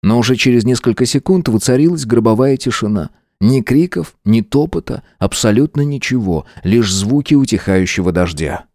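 A man narrating a first-person fantasy audiobook in a steady, even storytelling voice. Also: medium pitch, moderate pace, few pauses, no echo, studio quality.

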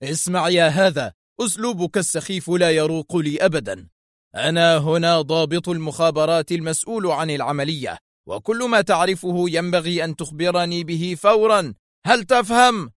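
A man reading a story aloud, voicing an angry, agitated male intelligence officer who keeps snapping and shouting. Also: fairly high pitch, fast talker, no echo, clean studio sound, close to an everyday voice. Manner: sharp, agitated outbursts.

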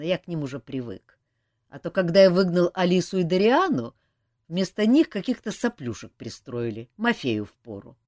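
A woman voicing a weary, blunt young king who grumbles in a gruff way. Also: fairly high pitch, a little mellow, no echo, studio quality, voice pushed up.

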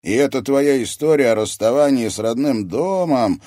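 A man voicing an eager, tactless teenage boy who keeps pressing with excited questions. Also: medium pitch, moderate pace, no room sound, studio quality, pitched above the performer's own voice, close to an everyday voice.

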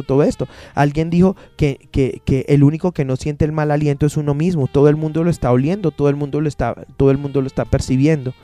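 A man's voice: a little high, dark tone, dry recording. A man preaching a sermon as pastor, emphatic and repeating his phrases, acting out the people he quotes.

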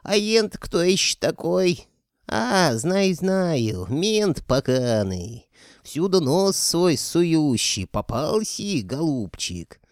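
A man voicing an ancient, cranky male ghost sorcerer who creaks and wails in drawn-out, boastful outbursts. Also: fairly high pitch, very animated, no echo, clean studio sound, pitched above the performer's own voice, exaggerated voice. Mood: scornful.

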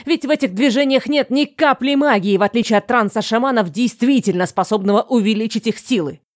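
An exasperated young sorceress who lets scorn color every word, voiced by a woman reading an audiobook. Her voice is fairly high. It is recorded close and dry. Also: fairly quick, no room sound, close to an everyday voice. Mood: scornful.

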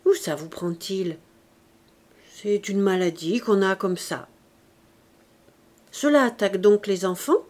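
A woman reading an audiobook, voicing an old neighbor woman who answers in a low, slow, matter-of-fact way. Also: darkish tone, close to an everyday voice. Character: old unmarried neighbor woman, calm and plain.

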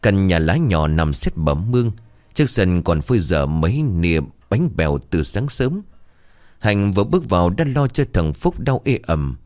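A man reading a story aloud in an expressive, dramatic way. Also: sits low, no echo, clean studio sound. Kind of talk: scripted story narration.

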